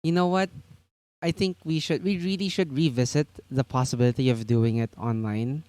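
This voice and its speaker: Easygoing young male host from the Philippines, smooth voice, dry close sound. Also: mid-range voice, steady tone, moderate pace, a little mellow, dry recording. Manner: easygoing, explains at length, many fillers. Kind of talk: casual chat about tabletop games.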